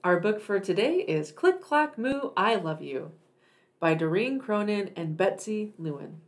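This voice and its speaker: This woman's medium-pitched voice swings widely in pitch as she reads a picture book aloud, unhurried. She is a storyteller for children, delivering the text expressively with dramatic emphasis.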